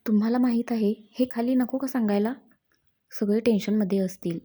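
A woman's voice: on the high side, fairly quick, mellow, slightly rough. A woman reading the lines of an anxious, affectionate young wife in a storybook, worried and pleading.

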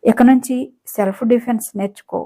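Woman narrator reading a teasing, affectionate young husband for a romance story; mellow voice. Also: fairly high pitch, fairly even intonation, fairly quick, natural voice.

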